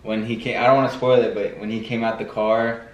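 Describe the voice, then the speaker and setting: A man's voice: fairly low pitch, flat delivery, a little fast. A teenage boy chatting casually and teasing his sister during a family question session. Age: teens. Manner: teasing, joking. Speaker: son answering questions. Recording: echoey room with faint noise.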